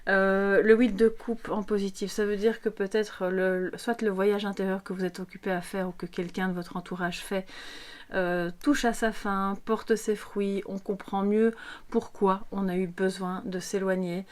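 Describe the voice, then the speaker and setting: Woman tarot reader, chatty and affectionate, doing a relaxed morning reading for her viewers. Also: medium pitch, a little slow. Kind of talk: casual live tarot reading. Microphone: microphone on the table.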